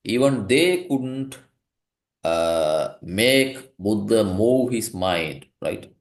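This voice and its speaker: Male tutor, slow, lowish voice, explanatory, echoey room. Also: big pitch swings. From Sri Lanka. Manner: slow, explanatory, checks understanding with "right?". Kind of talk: one-on-one tutoring, reading a story aloud.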